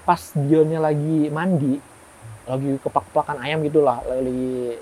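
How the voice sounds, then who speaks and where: Animated young man. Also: a little high, unhurried, a little hiss or hum, rough recording. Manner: animated, acts out quoted dialogue. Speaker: guest storyteller. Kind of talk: casual horror storytelling.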